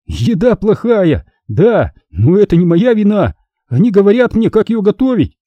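A man's voice: high voice, big pitch swings, moderate pace, no room sound, dull audio, voice pushed up. A man voicing a thin, uneasy schoolboy in an audiobook, anxious and dutiful in manner.

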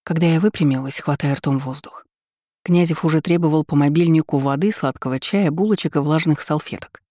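Dark-voiced woman narrating a novel. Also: low-pitched, brisk, no echo, clean studio sound. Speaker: audiobook narrator. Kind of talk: first-person novel narration.

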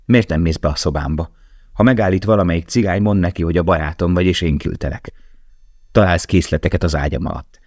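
A man voicing an earnest, protective young male prisoner in an audiobook, close to his own deep voice. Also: a little mellow, no room sound. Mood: earnest urgent.

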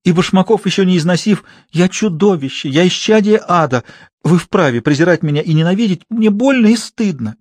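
A weepy, melodramatic young actress, voiced by a male audiobook reader, pouring out raised, loud lament in a higher, lifted register. She gushes and declaims as if on stage. The dry, close sound has no room around it. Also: lively intonation, fairly quick, no room sound. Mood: tearful theatrical. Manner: gushing, exclamatory, sobbing declamation. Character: melodramatic young actress wife, tearful and theatrical. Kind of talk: audiobook character voice.

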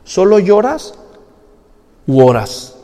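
A man preaches a sermon and slips into dramatized, colloquial voices for the people in the story. His voice sits high for a man, and a long hall reverb trails behind every phrase. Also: big pitch swings, takes it slowly, warm tone. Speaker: pastor.

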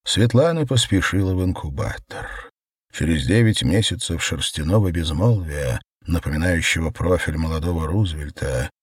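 A man narrating surreal prose in a measured, theatrical audiobook reading. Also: deep voice, darkish tone, breathy edge, no room sound, studio quality.

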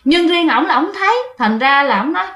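A woman narrates a ghost story in a loose, chatty way, turning to her listeners often. Her voice sits high. The recording has a roomy echo. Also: expressive, a little fast, bright, forceful tone.

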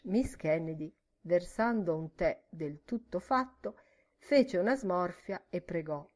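Slow, rhythmic woman narrator. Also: fairly low pitch, animated, darkish tone. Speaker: audiobook narrator. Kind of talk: literary audiobook narration.

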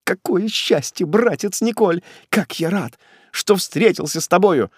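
A man voicing a terrified male prisoner, a fallen judge who begs for his life in a shrill, panicky voice. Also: lively intonation, normal speed, darkish tone, no echo, clean studio sound. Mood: fawning. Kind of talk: audiobook character voice.

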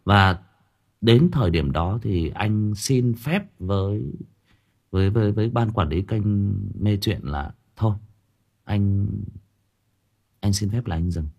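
A man's voice: lowish voice, expressive, slow pace, long pauses, darkish tone, breathy edge. A man chatting casually with his audience on a livestream, rambling with frequent hesitations and repeated words. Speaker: audiobook reader chatting with listeners on a livestream.

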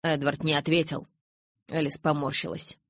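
A woman narrating a novel in the first person in an even, measured reading voice. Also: low-pitched, no echo, studio quality. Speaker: audiobook reader.

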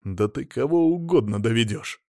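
A man's voice: medium pitch, expressive, moderate pace, dry recording, studio quality. A man voicing a blunt, hot-tempered middle-aged businessman husband. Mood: gruff. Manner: blunt, gruff, loud.

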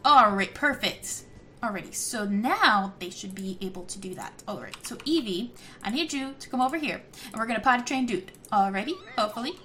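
A young woman chatting casually as she plays a life-simulation game, giggly and easily excited. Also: on the high side, a little fast, soft background music. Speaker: gameplay commentator. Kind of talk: casual gameplay commentary.

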